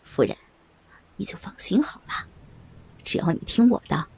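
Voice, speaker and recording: A woman voicing a sly, smug old man in a dramatized audio story, speaking low and gloating with chuckles. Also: lively intonation, moderate pace, creaky, a little mellow, breathy edge, whispered.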